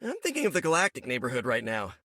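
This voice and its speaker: A man's voice: mid-range voice, huge pitch swings, racing, sharp tone, exaggerated voice. A man voicing a youthful, quippy, sunny superhero in a video game, boyish and wisecracking. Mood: wry, chipper. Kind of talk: video game character acting.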